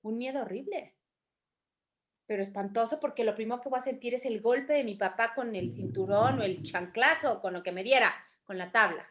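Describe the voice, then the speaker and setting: A woman with a Mexican accent teaching a spiritual study course, talking in an animated way and addressing her students fondly. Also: on the high side, moderate pace. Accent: Mexican Spanish. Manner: animated, acts out quoted voices, calls students affectionately. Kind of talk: teaching a course in an online group class.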